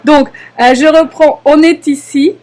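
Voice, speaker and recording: A young adult woman with a French accent, patiently explaining a knitting lesson step by step, often pausing and checking in with her students. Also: high-pitched, fairly even intonation, mellow. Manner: patient, explanatory, frequent hesitations and checks "d'accord?". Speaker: knitting teacher. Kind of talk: live online knitting lesson.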